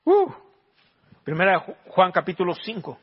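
A man's voice: sits high, normal speed, breathy edge. A man, preaching a sermon and questioning his congregation in emphatic rising bursts. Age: 40s. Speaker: pastor. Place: church. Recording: dull lo-fi sermon recording.

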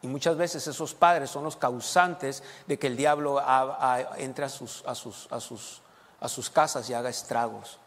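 A man's voice: mid-range voice, fairly even intonation, measured pace, a bit bright, in a large hall. A middle-aged man preaching a sermon to his congregation, asking them questions as he goes and often restarting his phrases. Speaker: pastor.

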